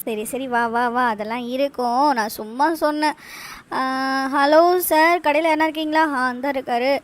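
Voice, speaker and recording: A woman's voice: high-pitched, normal speed, close to an everyday voice. A woman voicing a patient young man who soothes and coaxes his crying friend in a fan game dub. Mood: coaxing. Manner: soothing, coaxing. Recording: dry close recording.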